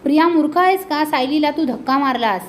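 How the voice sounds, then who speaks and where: Lady reading out a mad young husband telling someone off, sharp and scolding, high voice. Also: moderate pace, a little hiss or hum, natural voice. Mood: angry. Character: angry young husband scolding his sister-in-law.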